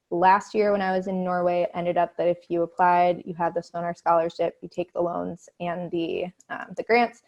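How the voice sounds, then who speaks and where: A woman's voice: on the low side, darkish tone, lo-fi sound. A woman representing a university, giving an upbeat, chatty webinar presentation from home over a video call.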